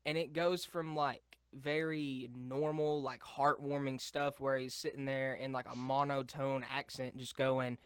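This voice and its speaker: A man's voice: mid-range voice, flat delivery, measured pace, hardly any pauses, fairly bright tone, clean tone, no echo, studio quality. A young man co-hosting a casual podcast, rambling and swearing, laughing often as he tells stories. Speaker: podcast co-host. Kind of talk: casual chat.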